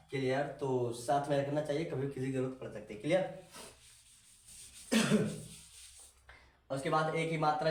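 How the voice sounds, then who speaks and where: A man's voice: a little high, far from the mic. A man teaching a casual spoken lesson, often repeating himself and asking the listener questions. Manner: repetitive, keeps asking the viewer questions. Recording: echoey room, voice away from the mic.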